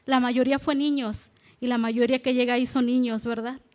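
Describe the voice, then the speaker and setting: A woman giving an animated church testimony, laughing often as she tells her story. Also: a little high, brisk. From Mexico. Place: church meeting hall.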